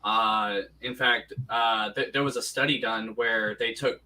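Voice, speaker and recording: A man's voice: medium pitch, fairly even intonation, unhurried, sharp tone, recorded from a distance. A man chatting casually on a podcast, rambling with many restarts, his voice sounding tinny and metallic, as if in a tin can. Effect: tinny tin-can sounding microphone. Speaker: podcast co-host. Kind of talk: casual chat. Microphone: poorly set up home microphone.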